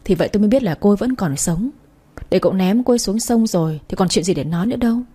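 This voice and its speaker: Woman doing a jealous young husband, snapping, husky mellow voice, audiobook. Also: mid-range voice, lively intonation, rapid-fire. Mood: cool. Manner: snapping, possessive.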